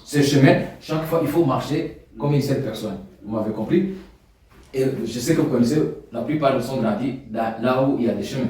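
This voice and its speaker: The recording, made with a distant mic in an echoey room, captures a sermon by a Rwandan man who first spoke Kinyarwanda. His mid-range voice runs a bit quickly, getting loud and emphatic for key points and gentle during prayer.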